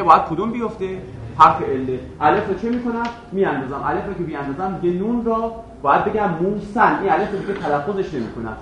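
A man teaching Arabic grammar in a classroom lecture, quizzing his students and answering himself, drawing out example words slowly. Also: a little high, a bit bright, slight background noise. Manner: asks the class questions and answers them himself. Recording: echoey room, voice from a distance.

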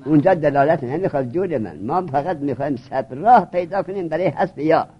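A man teaching grammar speaks in a high, expressive voice with a breathy edge, drilling and prodding his class along. The audio has a dull, lo-fi quality.

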